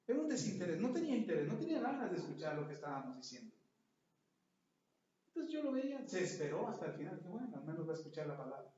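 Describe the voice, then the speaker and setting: A man's voice: sits high, big pitch swings, quick pace, warm tone. A middle-aged man, preaching a sermon and telling stories by acting out little scenes. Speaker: pastor. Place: church hall. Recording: echoey church hall, far from mic, dull.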